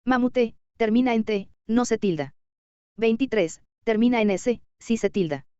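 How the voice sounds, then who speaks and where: A woman reading a scripted lecture as a teacher, measured and slowing down for word examples. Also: on the high side, warm tone, smooth, no echo, highs cut off.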